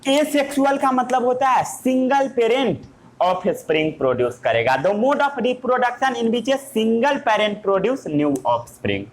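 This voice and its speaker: A man's voice: very high-pitched, big pitch swings, slow. A man teaching a lesson, asking questions and answering them himself in a playful way. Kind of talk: classroom lesson.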